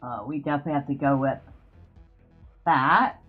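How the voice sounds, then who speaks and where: A woman's voice: extremely low pitch, moderate pace, muffled recording. A woman giving casual gameplay commentary, thinking aloud and explaining her choices as she plays. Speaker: gamer commentating on own play. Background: music.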